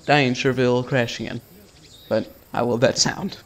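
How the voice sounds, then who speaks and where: Reading a visual novel's text aloud, a streamer narrates his casual let's play with a mid-range voice, a steady tone, and a moderate pace. His delivery is loose, slangy, and offhand.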